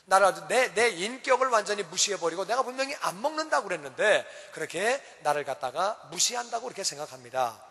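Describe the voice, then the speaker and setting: A man preaching a sermon as pastor in a church, animated and acting out scenes. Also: sits high. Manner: animated, acts out parents shouting at children. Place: church sanctuary. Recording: church hall reverb.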